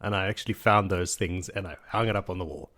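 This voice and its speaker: A man's voice: low-pitched, fast talker, fairly bright tone. A man co-hosting a podcast, chatting casually in a playful, jokey way. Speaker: podcast co-host.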